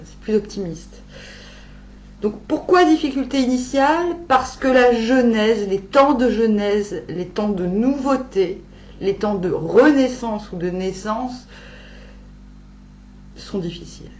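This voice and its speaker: A woman speaking with a dental retainer in, giving an informal tarot reading, thinking aloud haltingly and correcting herself. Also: medium pitch, lively intonation, darkish tone. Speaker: tarot reader. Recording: echoey room, dull sound, faint hum.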